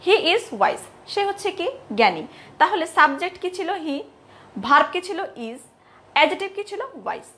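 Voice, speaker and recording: Woman teacher w a high lively voice, asks the class stuff then answers it herself. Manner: asks students questions and answers them herself, repeats example words slowly. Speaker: English lecturer. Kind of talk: classroom grammar lesson.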